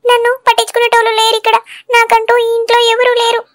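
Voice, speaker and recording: A squeaky young cartoon wife. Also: female voice, little pitch movement. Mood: hurt, sulky. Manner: chipmunk-high cartoon voice, rapid and sulky. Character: young wife, sharp and easily hurt.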